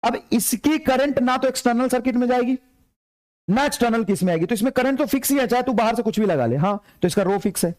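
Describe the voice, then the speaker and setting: Lecturing with lots of energy, a physics tutor speaks in a high male voice, repeating phrases to spur students along while dictating English problems slowly in a lively classroom.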